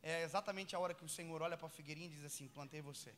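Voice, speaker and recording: A man preaching a sermon, telling a personal story with animated energy and rising to shouted peaks. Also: fairly high pitch, racing, slight background noise. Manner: animated, builds to shouting peaks, laughs at his own stories. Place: church hall. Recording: long church hall reverb.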